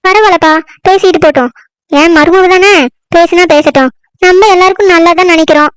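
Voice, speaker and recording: A sly, scheming mother-in-law, played by a woman who pleads in a very high, soft voice. The recording is dry and close, as in a comedy skit. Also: a little fast, no room sound. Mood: pleading.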